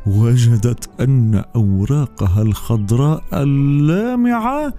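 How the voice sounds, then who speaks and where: A man hosting a children's bedtime story podcast, narrating expressively to kids. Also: mid-range voice. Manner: warm-paced, expressive, addressing children. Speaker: storyteller host.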